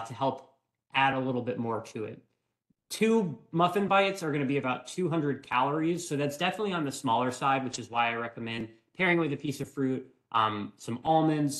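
Young man, casual cooking-demo host, friendly and chatty, recorded in a small home kitchen. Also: on the high side. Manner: friendly, chatty, answers viewer questions. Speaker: cooking demonstrator. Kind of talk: live cooking demonstration. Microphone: fixed camera at medium distance.

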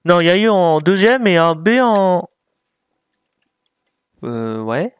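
A man's voice: high voice, very animated, slow, clear, resonant tone, dry recording. A man giving casual gameplay commentary, thinking aloud while he plays and mocking himself with frequent apologies. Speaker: gaming YouTuber.

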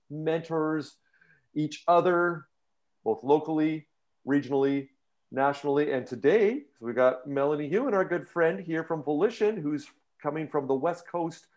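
A man from Canada hosting a live virtual show from home, upbeat and chatty, his voice going a little hoarse. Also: fairly high pitch, a little mellow. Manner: upbeat, chatty, jokes with audience. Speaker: host. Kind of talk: casual live show intro. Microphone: video call.

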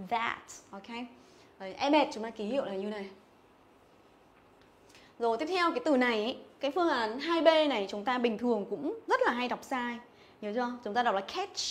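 Young female teacher, fairly high voice, livestream drill style, repeats each word and keeps asking if students got it. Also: slight background noise. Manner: drills words by repeating them, checks in with "nhớ chưa?". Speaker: English teacher. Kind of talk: livestream pronunciation lesson. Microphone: phone or webcam mic on a livestream.

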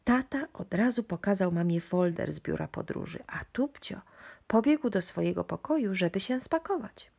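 A female storyteller reads a children's bedtime book expressively to young children at normal speed, her pitch swooping as she goes. Her voice is breathy and husky, with some creak at the edges.

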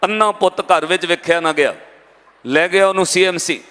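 A man's voice: sits high, normal speed, sharp tone. A man with a Punjabi accent giving a dramatic storytelling sermon, addressing the congregation directly. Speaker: Sikh katha preacher. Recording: reverberant hall.

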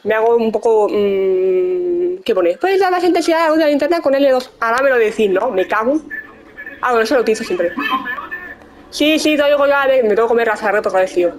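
A woman's voice: fairly high pitch, lively intonation, fairly quick, low-quality recording. A young woman from Spain chatting casually over a video game, scolding enemies, swearing and exclaiming. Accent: Spain Spanish. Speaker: gaming streamer. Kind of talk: casual let's-play commentary.

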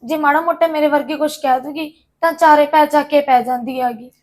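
A woman's voice: high voice, fairly even intonation, fairly quick, natural voice. A woman playing an anxious young wife. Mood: worried. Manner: anxious, pleading. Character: worried young married woman, caught between family. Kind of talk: Punjabi drama acting.

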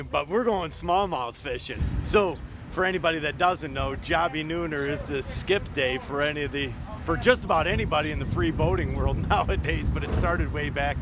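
A fairly high-voiced man from Michigan talks chattily about the day's fishing plans. He is recorded outdoors on a boat with a lapel mic, and clear wind and engine noise runs behind him. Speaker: fishing charter captain. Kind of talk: casual on-camera intro.

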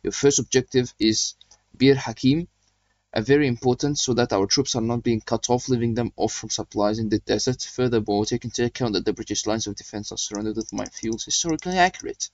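A young man who hosts a gaming channel talks fairly quickly in a mid-range voice, with no echo but dull audio. He isn't a native German speaker, and he rambles chattily through casual game commentary while playing and reading mission briefings aloud.

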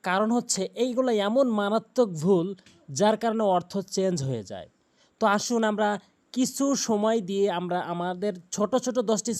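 A man with a Bangladeshi Bengali accent teaching Quran recitation, explaining pronunciation rules and chanting verses slowly and melodically. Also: high-pitched, darkish tone. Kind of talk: tajweed lesson with recitation.

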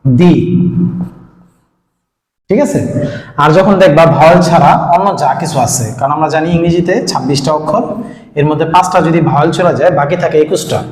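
A man's voice: a little high, a little mellow. Male teacher in an echoey room. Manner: explains step by step, often asks "ঠিক আছে?". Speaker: English teacher. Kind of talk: classroom grammar lesson. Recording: echoey room with long reverb.

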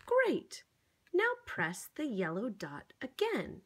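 Drawing out her words with huge pitch swings, a woman with a mid-range voice reads a picture book aloud to young children. She is theatrical, full of exaggerated gasps and exclamations, and speaks encouragingly and coaxingly to the child listening. There is slight background noise.

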